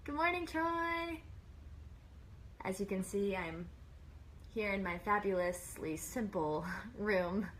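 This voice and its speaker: A woman's voice: mid-range voice, steady tone, slow pace, slight background noise, poor audio. A woman hosting a casual live stream from a plain room, chatting and greeting viewers one by one by name.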